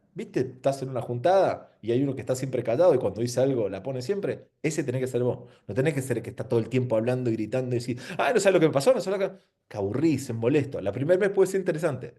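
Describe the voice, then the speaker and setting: An Argentine man gives an informal seminar talk on marketing. His pitch swings widely as he asks rhetorical questions and drops slang. The tone of his voice is warm and mellow. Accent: Argentine Spanish. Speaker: marketing speaker. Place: venue with an audience.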